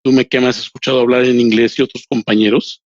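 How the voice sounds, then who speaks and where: The speaker, a human rights lawyer and professor who didn't grow up speaking Spanish, takes interview questions slowly and deliberately, often starting over. His mid-range voice stays level in tone, captured in a dry, lo-fi recording.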